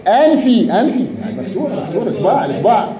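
A man's voice: high-pitched, sing-song, very fast, dull audio, a crowd in the background. A man teaching a grammar lesson, repeating words and quizzing his student. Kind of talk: Arabic grammar lesson, question and answer. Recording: echoey room, faint noise.

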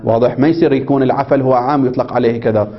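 A man talks very fast at a medium pitch with fairly even intonation, teaching religious law in a seminary. Reading and explaining a text, he keeps quizzing listeners and making sure they're with him, heard on a dull lo-fi recording.

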